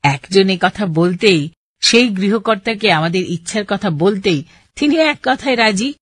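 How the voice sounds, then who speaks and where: A woman presents a radio programme, reading listeners' letters in a steady, clear voice. Her pitch sits in the middle of the usual range. The studio sound is close and completely dry. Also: measured pace, no echo.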